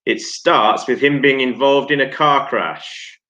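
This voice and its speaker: A man and teacher reading out quiz questions loudly, with a dry, joking manner. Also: medium pitch, unhurried, low-quality recording. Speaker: teacher, guest quizmaster. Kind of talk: online quiz hosting.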